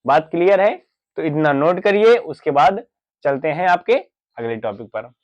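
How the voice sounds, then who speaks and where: A man's voice: on the high side, animated, normal speed, darkish tone, no echo. Man teaching grammar, fond of rhetorical questions. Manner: repetitive rhetorical questions, answers himself; says "thik hai" often. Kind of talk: classroom explanation.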